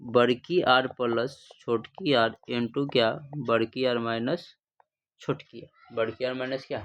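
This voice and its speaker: A man's voice: medium pitch, fairly even intonation, unhurried, fairly bright tone. A male math teacher. He gives a livestream classroom lesson in call-and-response style, asking questions, repeating the answers and calling his students "babu".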